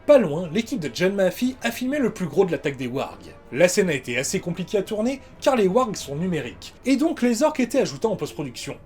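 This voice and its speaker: A high-pitched male voice with a French accent, reading a casual documentary script. His delivery is lively and swings widely in pitch, with wry jokes slipped in. Soft music plays underneath. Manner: wry, sarcastic asides. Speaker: YouTube film documentary narrator.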